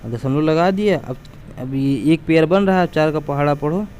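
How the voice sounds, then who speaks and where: Man, math teacher, patient and repetitive, fairly high voice, faint traffic noise behind. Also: normal speed, darkish tone. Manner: patient, repetitive, addresses students as beta. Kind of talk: explaining math lesson to students.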